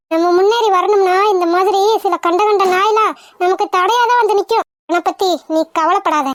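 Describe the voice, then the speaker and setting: A woman's voice: very high voice, no room sound, studio quality. A woman voicing young women in a cartoon, emotional and pleading by turns. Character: young women, spirited but put-upon. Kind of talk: cartoon voice acting.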